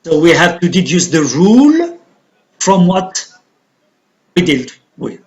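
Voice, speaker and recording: Male English teacher, high lively voice, measured classroom delivery. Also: lo-fi sound. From Algeria. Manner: slow and deliberate, stressing key words. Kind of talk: classroom lesson on word stress.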